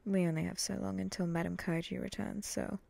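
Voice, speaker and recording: A woman playing a brooding, vengeful samurai in an ASMR role-play, speaking in a breathy, terse, deadpan way. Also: fairly low pitch, brisk. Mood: wary, intrigued. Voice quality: breathy, often dropping in a soft voice.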